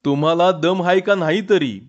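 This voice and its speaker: A man's voice: a little high, moderate pace, pitched above the performer's own voice, lightly acted. A man voicing an anxious, outspoken village wife, with rustic exclaiming speech in a dull lo-fi recording. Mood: anxious scolding. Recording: dull lo-fi sound.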